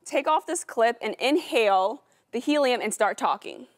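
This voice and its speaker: A woman's voice: fairly high pitch, expressive, normal speed. A woman in her twenties explaining a science demonstration as a TV guest. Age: 20s. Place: TV studio with audience. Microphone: lapel mic.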